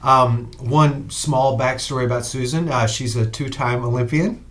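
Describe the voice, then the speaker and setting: A man's voice: mid-range voice, fairly even intonation, a little slow, a bit bright. A man hosting a podcast interview, enthusiastic and full of fillers as he introduces his guest. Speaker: podcast host.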